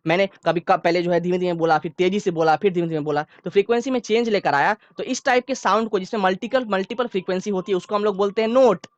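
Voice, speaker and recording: A man's voice: high voice, quick pace, few pauses, no room sound, lo-fi sound. A man teaching a science lesson to school students, explaining step by step, repeating key terms and often checking whether they understood. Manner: informal, repeats key phrases. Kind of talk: online classroom lecture.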